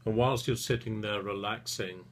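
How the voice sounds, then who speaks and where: A man with a fairly low voice and fairly even intonation works as a therapist, guiding listeners through relaxation. He speaks gently and soothingly, using short phrases and long pauses.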